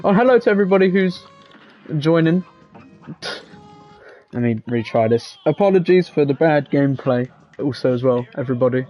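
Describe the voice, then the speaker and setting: A man's voice: fairly high pitch, lively intonation, moderate pace, long pauses. A man, live-streaming a game and chatting casually, rambling as he reads out chat messages. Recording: slightly dull lo-fi mic with faint game music.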